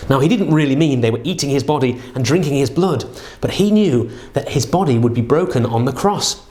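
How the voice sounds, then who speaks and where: A man's voice: mid-range voice, expressive, fairly quick, darkish tone, reverberant. A man presenting to children like a kids party magician, with jokey, theatrical patter in a scripted show.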